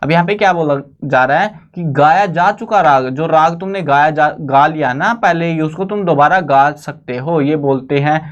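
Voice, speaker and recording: A young adult man teaching a Hindi poem to students, reading each verse slowly and then explaining it in chatty, everyday speech mixed with English words. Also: fairly high pitch, muffled recording.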